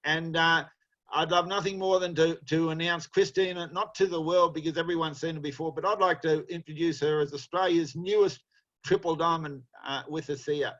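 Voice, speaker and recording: A man introducing a guest speaker on a video call, with a warm, praising manner. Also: a little high, steady tone, normal speed, dull audio.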